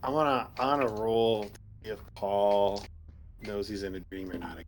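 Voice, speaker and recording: A man's voice: on the low side, steady tone, moderate pace. A man playing in a tabletop game who asks eager questions and sometimes speeds up as he talks. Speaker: player. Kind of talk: casual tabletop play.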